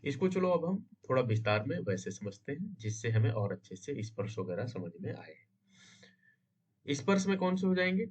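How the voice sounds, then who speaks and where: A man's voice: medium pitch, big pitch swings, moderate pace, darkish tone, slightly rough. A man teaching an exam-prep grammar lesson, asking himself questions and answering them, often checking in with his students. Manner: checks in with "है ना?" and "समझे?". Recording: dull lo-fi sound.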